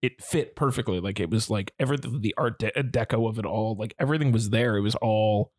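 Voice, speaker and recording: A man's voice: lowish voice, a little fast, darkish tone, no echo, studio quality. A man co-hosting a casual movie podcast, talking loosely with swearing and climbing into incredulous questions. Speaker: podcast co-host. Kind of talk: casual chat.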